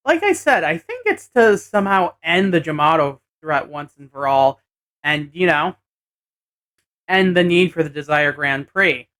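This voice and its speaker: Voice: mid-range voice, fairly bright tone. A person giving a casual episode recap vlog, hesitantly thinking aloud as they go. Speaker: anime and tokusatsu episode reviewer.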